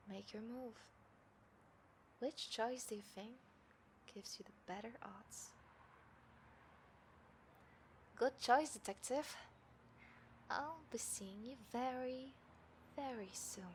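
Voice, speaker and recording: In this scripted audio roleplay spoken to the listener, a girl voices a smug lady serial killer stalking a detective, her mood predatory and taunting. She speaks in a highish voice, menacing and deliberate, sometimes dropping to breathy whispers. There's a little background noise from city ambience effects.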